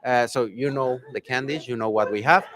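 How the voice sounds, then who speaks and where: A man interviews a guest at a conference. He talks in an upbeat, playful, promotional way at an ordinary mid pitch. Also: a little fast, fairly bright tone.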